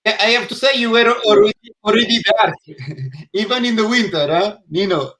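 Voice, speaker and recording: A man's voice: high-pitched, normal speed, crowd noise. A man hosting a live video-call interview, asking questions hesitantly and repeating his words as he goes. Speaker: host.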